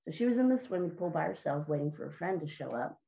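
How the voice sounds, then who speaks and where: A woman with a fairly low, mellow voice gives an interview about helping children with their mindset. She speaks earnestly and encouragingly, sometimes repeating a word as she goes. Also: lively intonation, fast, vocal fry, dull audio. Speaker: guest, children's mindset coach. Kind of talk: interview answers.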